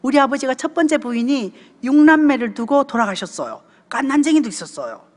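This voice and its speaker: A deaconess in her seventies with a Gyeongsang Korean accent gives a family seminar talk at church in a large hall, her high voice quick, lively and a little mellow. She tells stories in a conversational sermon style, often checking in with her audience.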